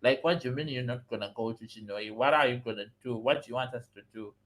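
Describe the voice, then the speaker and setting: A man's voice: mid-range voice, natural voice. A man voicing his agitated young friend who fires off angry, exasperated questions. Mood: pleading angrily. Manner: loud, exasperated, rapid questions. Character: agitated young man arguing with a van crew.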